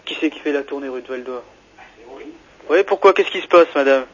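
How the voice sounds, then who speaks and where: A man's voice: mid-range voice, brisk. A man working as a postal clerk, answering a call politely and stammering as he struggles not to laugh. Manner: polite, stammering, barely holding back laughter. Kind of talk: phone conversation. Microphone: telephone. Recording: muffled phone line.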